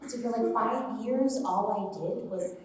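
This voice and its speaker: A woman voice actor speaking on a convention panel, lively and switching into demo voices as she explains. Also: a little high, a little slow, slight background noise. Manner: lively, demonstrating voices mid-sentence. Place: large convention hall. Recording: echoey hall from far off, faint ambience.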